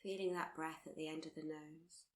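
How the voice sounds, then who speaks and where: This is a woman guiding a body-scan meditation in front of a live workshop group. Her voice sits a little low, her tone barely varies, and she soothes and reassures at a slow pace while looping back over what she has said.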